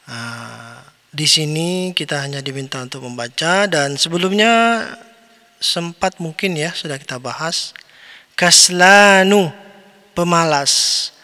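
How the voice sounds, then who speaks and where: A man teaching a lesson, reciting words slowly and drawn out, then giving their meaning. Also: on the high side, expressive, bright, forceful tone, big-room sound. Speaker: Arabic teacher. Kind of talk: recorded online lesson.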